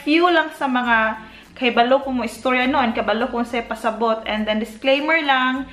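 A woman's voice: fairly high pitch, fairly bright tone, reverberant. A woman with a Filipino accent, chatty and casual, teaching basic words at home with many fillers and restarts. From Philippines. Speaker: vlogger. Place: home in the Netherlands.

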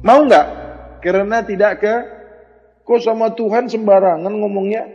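A man with a high voice delivers a sermon to a gathered audience, scolding his listeners with a string of rhetorical questions. The voice rings through a hall with a long reverb tail, and faint music sits under the talk. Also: fairly even intonation, normal speed, dull audio. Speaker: religious teacher.

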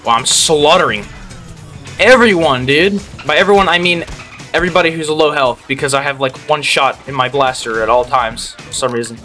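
A man's voice: fairly high pitch, moderate pace, soft background music. Exasperated young man ranting over gameplay. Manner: exasperated, ranting, bursts into loud disbelief. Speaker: gaming channel host. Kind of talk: gameplay commentary.

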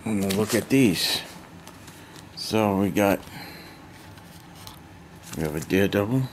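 A man's voice: lowish voice, lively intonation, takes it slowly. An older man in a cluttered basement, chatting casually as he lists one item after another, recorded on a handheld camera mic. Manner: rambling, chatty, listing items one by one. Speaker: collector showing his hoard. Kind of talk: casual unboxing vlog. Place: cluttered basement storage room. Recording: noisy home camera audio.

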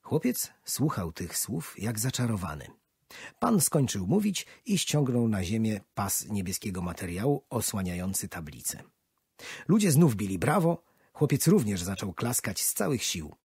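A man narrating a children's audiobook in an expressive storytelling manner. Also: on the low side, moderate pace, creaky, slightly rough, no room sound. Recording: dry studio audiobook.

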